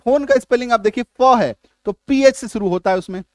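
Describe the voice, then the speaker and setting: A man's voice: very high-pitched, a little fast, no room sound, clean studio sound. A middle-aged man teaching English spelling and pronunciation in Hindi, repeating rules and checking often that his students follow. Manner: repetitive, checks understanding often.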